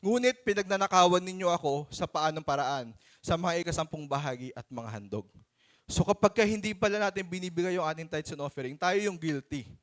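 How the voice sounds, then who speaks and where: Filipino guy preaching, kinda high voice, chatty and animated like he's telling a story. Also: brisk. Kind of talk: sermon.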